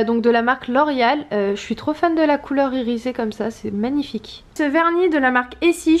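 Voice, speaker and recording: A young adult woman, a student vlogger, chatting casually at home, hesitant and full of fillers. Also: sits high. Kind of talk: casual chat to camera.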